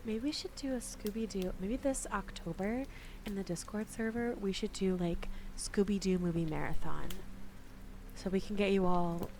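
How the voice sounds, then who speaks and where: A woman's voice: mid-range voice, normal speed, noisy background. A woman hosting a whispered ASMR gaming stream with casual chat, speaking in a playful, giggly, slangy way. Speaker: streamer and host.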